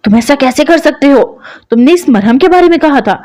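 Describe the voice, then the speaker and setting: A woman's voice: animated, a little fast, darkish tone. Woman reading as a flustered shy young wife. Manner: low, helpless replies.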